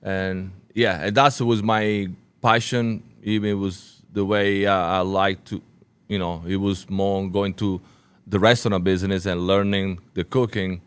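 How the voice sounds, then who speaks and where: A middle-aged Sicilian man with a smooth, resonant voice pitched on the low side. He speaks English as a second language, searching for words and restarting his phrases as he talks through an interview. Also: flat delivery. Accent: Sicilian Italian. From Sicily, Italy. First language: Italian. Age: 40s. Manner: halting non-native English with frequent restarts. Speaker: restaurant owner, guest.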